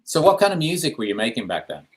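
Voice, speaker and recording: A male interview host asking calm questions, often restarting with small repeats. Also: medium pitch, fast talker.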